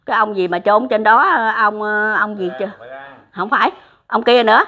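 A woman's voice: medium pitch, moderate pace. Older woman storyteller. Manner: animated, acts out dialogue, addresses listener affectionately. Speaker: storyteller of religious experiences. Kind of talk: casual spoken storytelling. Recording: muffled lo-fi recording.

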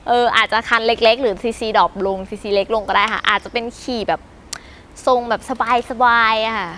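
A woman from northeast Thailand who rides motorbikes, chatting through casual interview answers with lots of soft polite particles. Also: a little high, fairly even intonation, slight background noise. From Khon Kaen, northeast Thailand. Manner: chatty and polite, heavy use of soft polite particles, quick laughs.

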